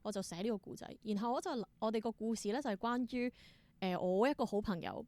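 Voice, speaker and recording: A woman with a Hong Kong Cantonese accent, working as a theatre performer and creator, is an interview guest who tells casual stories and acts out bits of dialogue. She speaks fast at a medium pitch, her voice a little mellow, in a dry recording.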